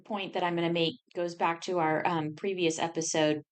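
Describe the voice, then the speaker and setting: A woman co-host speaking with a somewhat low, relaxed voice. She keeps a casual, chatty tone, laughing often and getting animated when she retells something. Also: moderate pace. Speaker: podcast co-host. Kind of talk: casual conversational chat.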